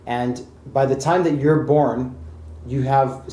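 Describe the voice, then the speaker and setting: A man's voice: mid-range voice, steady tone, slow, warm tone. A man conducting an oral history interview at someone's home, patiently repeating answers back to check them. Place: private home. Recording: echoey room with faint background noise.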